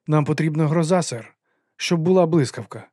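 A man's voice: a little high, moderate pace, a little mellow, dry recording, clean studio sound, voice pushed up, close to an everyday voice. A man voicing a nervous young clockmaker who talks in an unsure, hesitant way.

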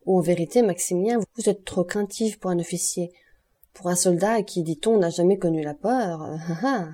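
A woman's voice: lowish voice, dark tone, close to an everyday voice. A woman reading as a feverish frightened young woman. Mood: strained. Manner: breathless, quick, forced lightness. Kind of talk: audiobook reading.

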